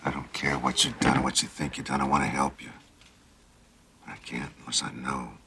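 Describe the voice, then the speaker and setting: An actor playing a world-weary, hard-boiled American private detective, laconic and wry, in a noir drama. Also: male voice, rumbling low, completely flat delivery, quick pace, pushed and bright. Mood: pressing, earnest. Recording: clearly noisy film soundtrack.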